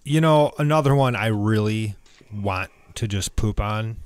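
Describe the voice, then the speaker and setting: A man's voice: lowish voice, measured pace, clean tone, no echo. A man co-hosting a film podcast, chatting casually and rambling through anecdotes with easy laughs. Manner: rambling, laughs at own stories. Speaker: podcast co-host.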